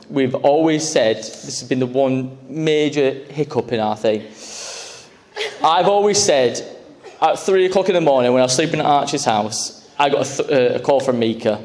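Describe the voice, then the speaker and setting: A man's voice: medium pitch, normal speed, a little mellow, long reverb tail, a little hiss or hum. Nervous groom speaking at his wedding. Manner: nervous, emotional, laughing through his words. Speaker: groom giving a wedding speech. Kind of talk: wedding speech to guests. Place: wedding reception room. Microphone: handheld microphone.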